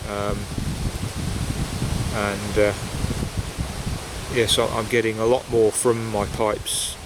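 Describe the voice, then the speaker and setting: A slow-speaking pipe-smoking vlogger, his voice on the low side with little pitch movement, chats casually and reflectively in the woods. His delivery is hesitant and meandering. Wind noise and rustling leaves are captured on basic equipment.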